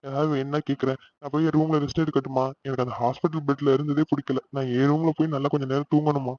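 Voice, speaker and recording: A man voicing a young husband just home from hospital in a cartoon, reassuring but quickly exasperated by fuss. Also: mid-range voice, level tone, no echo, lightly acted. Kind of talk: cartoon voice acting. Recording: dull lo-fi recording.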